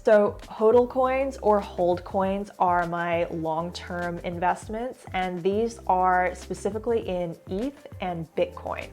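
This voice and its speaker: A young woman with a congested, stuffy voice chats upbeat and casually to camera. Her voice sits a little low, with light music playing softly underneath. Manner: chatty, upbeat, fillers like "like". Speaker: crypto video host. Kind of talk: casual talking-head explainer. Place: home room under construction.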